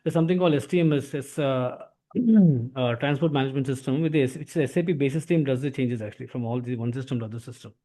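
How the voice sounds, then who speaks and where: A man with an Indian accent teaches an informal explanatory lesson as an instructor, speaking quickly in a mellow, medium-pitched voice. He often tags his sentences with filler words, repeating ones like "actually."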